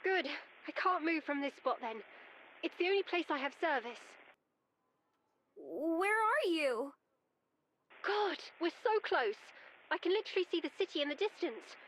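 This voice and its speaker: A woman's voice: very high-pitched, lively intonation, normal speed, long pauses, fairly bright tone, a little hiss or hum. A woman voicing an anxious young woman stranded on a bus trip, talking urgently over a bad phone line. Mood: worried. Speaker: voiced character in a visual novel.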